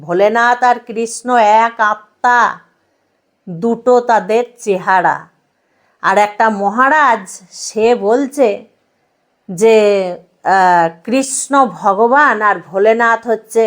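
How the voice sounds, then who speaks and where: A woman preaching a devotional sermon in a fairly high voice. She talks slowly and with emphasis, stacking up repeated phrases. She turns to her listeners with rhetorical questions. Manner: repetitive emphatic preaching lists. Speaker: religious speaker.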